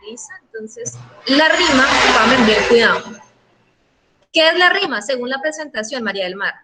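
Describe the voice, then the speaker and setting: A woman's voice: high voice, animated, heavy background noise. Woman teacher on a video call. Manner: affectionate, keeps checking with "¿listo?"; spells out word endings slowly. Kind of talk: online class lecture.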